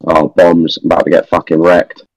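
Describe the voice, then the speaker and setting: A young man with a deep, low voice talks over a game on a headset, swearing at every turn. His exasperation never lets up. The sound is close and bone-dry. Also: level tone, fairly quick, a little mellow, dry recording, rough recording. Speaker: gamer. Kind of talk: live gameplay chatter.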